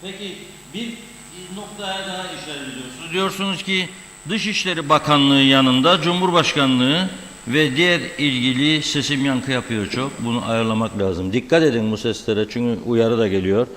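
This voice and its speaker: A man's voice: mid-range voice, moderate pace, fairly bright tone, slight background noise. A male host interviews a guest; his voice rings with a strong cave-like echo. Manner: questioning, reflective. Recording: echoey, long-reverb remote connection.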